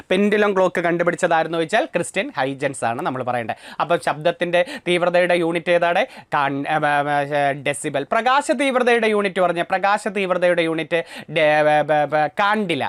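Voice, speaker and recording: A man's voice: a little high, a bit bright, no room sound. A man with a Malayali accent teaching an exam prep lesson, asking questions and repeating the answers to drill them in.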